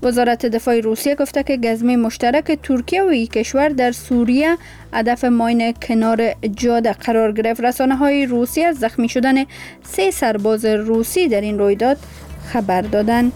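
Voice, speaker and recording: A woman with an Afghan accent reading radio news headlines in a solemn, formal, measured manner. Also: a little high, warm tone. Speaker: newsreader. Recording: radio broadcast with music behind. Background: music.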